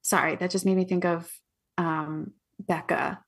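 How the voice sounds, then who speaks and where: A woman's voice: fairly low pitch, fairly even intonation, a little slow. A woman co-hosting a podcast, with a playful, giggly and slightly hesitant way of talking. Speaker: podcast co-host. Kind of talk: casual chat.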